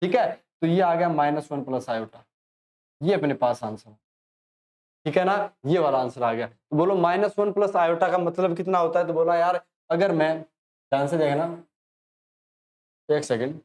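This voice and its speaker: A man's voice: fairly high pitch, darkish tone. Chatty Indian man teaching maths. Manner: chatty, talks to students as if they ask questions; encouraging, urges students to pause and solve. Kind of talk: online lesson, solving problems.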